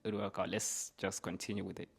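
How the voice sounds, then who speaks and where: Talking a little fast with a flat delivery, a podcast guest from Zambia recounts his own story in a casual way, using fillers such as "you know." He has a Zambian accent and a low voice with a breathy edge.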